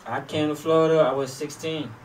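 A man's voice: on the high side, fairly even intonation, brisk, recorded from a distance, slight background noise, low-quality recording. Haitian man, twenties, easygoing guest, short answers, slightly off-mic in a studio. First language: Haitian Creole. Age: 20s. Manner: laid-back, brief answers. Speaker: guest rapper. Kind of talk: casual interview chat. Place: small radio studio. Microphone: studio boom mic.

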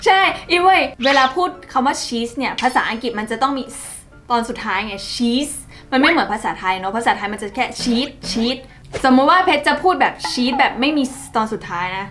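A bright, high-pitched woman with a Thai accent hosts a playful language-comparison vlog. She is bubbly and laughs often as she hops between languages, with faint music running under her voice. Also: lively intonation, a little fast. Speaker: vlog host.

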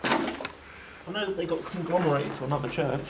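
A man's voice: fairly high pitch, moderate pace. A man quipping sardonically while exploring a derelict house. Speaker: exploring companion. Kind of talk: casual banter while exploring. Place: abandoned house indoors. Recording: echoey room with loud background noise.

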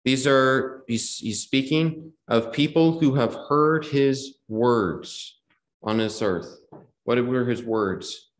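A man's voice: medium pitch, slow pace. A man preaching a gospel sermon in a hall, earnest and repetitive, quoting scripture in old wording. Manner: earnest, repeats key phrases, quotes scripture in old wording. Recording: echoey hall.

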